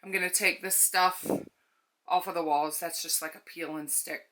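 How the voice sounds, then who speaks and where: A woman's voice: on the low side, fairly even intonation, normal speed, sharp tone, slight background noise. A middle-aged woman casually talking through her home DIY plans, rambling with ums and restarts, recorded in her own house. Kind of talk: casual chatty vlog. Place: her home, kitchen and bedroom.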